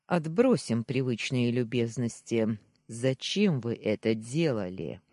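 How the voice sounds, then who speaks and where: A man's voice: mid-range voice, expressive, takes it slowly, mellow, dry recording, clean studio sound. A man voicing an enraged young man who growls and hisses at his uncle, in an audiobook reading. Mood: angry. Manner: growling, hissing.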